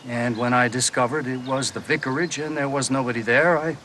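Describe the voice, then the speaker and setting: A man's voice: mid-range voice, fairly even intonation, a little fast, fairly bright tone, a little hiss or hum, lightly acted. A man from the United States playing a genial, expansive antiques and manuscripts dealer who chuckles as he talks. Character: genial American male manuscripts dealer, jazz lover.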